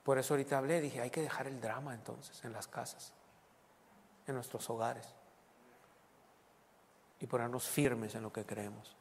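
A man preaching a sermon, reading scripture aloud and explaining it, with playful asides and loud exclamations. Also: medium pitch, steady tone, moderate pace, gravelly, long pauses, big-room sound, slight background noise. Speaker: pastor.

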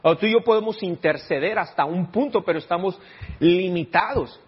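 A man's voice: high-pitched, brisk, husky, lo-fi sound. A male pastor preaching a sermon, often turning to the congregation with questions. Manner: keeps asking the congregation rhetorical questions.

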